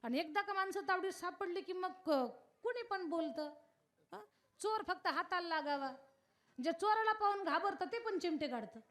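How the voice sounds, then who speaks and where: High-pitched, animated woman preaching a kirtan. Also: moderate pace. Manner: animated, questions the audience directly. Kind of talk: devotional kirtan sermon with storytelling.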